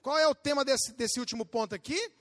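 A man with a Brazilian accent preaching a sermon as a pastor, talking straight to his listeners with questions and acting out little scenes with sudden shouts. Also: very high voice, brisk. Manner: animated, acts out quotes and bursts into shouts; addresses listeners directly with questions.

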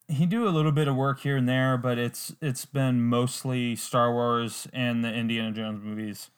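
A man hosting a casual podcast chat, relaxed and rambling with fillers. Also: medium pitch, clean tone.

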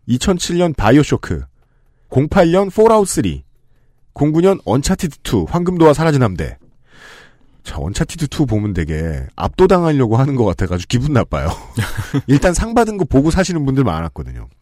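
Recorded dry in a studio, this podcast host speaks at medium pitch and a fairly quick pace. He's lively and jokey, running through lists of games with asides and laughter in a casual show that has scripted parts.

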